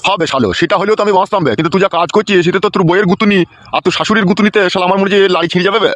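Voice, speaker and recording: A man's voice: high voice, rapid-fire, dry recording, natural voice. A man voicing an exasperated old cartoon father who rants and swears at his son-in-law. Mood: ranting. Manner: ranting, swearing.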